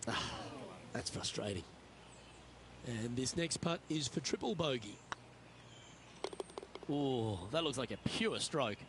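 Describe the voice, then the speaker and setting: A man's voice: mid-range voice, animated, slow, pauses often, background noise. A man playing the lead golf commentator in a video game, calling each shot in short running updates over outdoor ambience. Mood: composed, observant.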